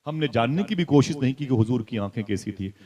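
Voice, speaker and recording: A man's voice: lively intonation, quick pace. Man preaching a passionate, dramatic sermon. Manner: dramatic storytelling that swings from soft asides to loud, high exclaims; addresses the listeners directly with questions. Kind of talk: impassioned religious sermon.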